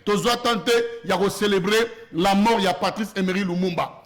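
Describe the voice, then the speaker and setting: High-voiced Congolese preacher. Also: male voice, normal speed. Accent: Congolese French. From Congo (DRC). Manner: earnest preaching, grows emphatic, mixes in Lingala phrases. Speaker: prophet and preacher. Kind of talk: sermon.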